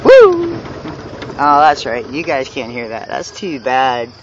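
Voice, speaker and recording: A man vlogging playfully while driving a golf cart outdoors, goofy and excitable, with whoops and laughs. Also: mid-range voice, takes it slowly. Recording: dull lo-fi sound with cart noise.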